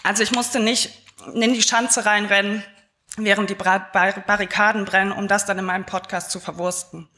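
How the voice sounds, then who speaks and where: A woman's voice: medium pitch, level tone, moderate pace, sharp tone. A young adult woman giving a live conference talk, chatty and conversational with frequent filler sounds. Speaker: conference speaker.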